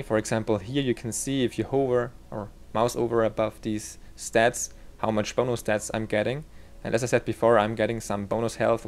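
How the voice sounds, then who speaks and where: A man from Austria with an Austrian German accent gives a casual game tutorial, rambling a little and correcting himself as he works out the numbers. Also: medium pitch.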